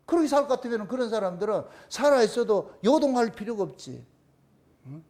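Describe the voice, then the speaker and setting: Gyeongsang pastor guy preaching, really high voice that jumps all over, keeps asking the room stuff and answering it. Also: sing-song, fast talker, mellow. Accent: Gyeongsang Korean. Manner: emphatic, asks the congregation rhetorical questions and answers them himself; repeats phrases for emphasis. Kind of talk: sermon.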